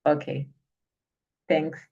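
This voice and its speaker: This online business lecture comes from a trainer with a Kenyan accent whose mid-range voice is gravelly, a little mellow, flat, and very slow. He goes step by step, often asking if people follow, and the video-call sound is distant and muffled.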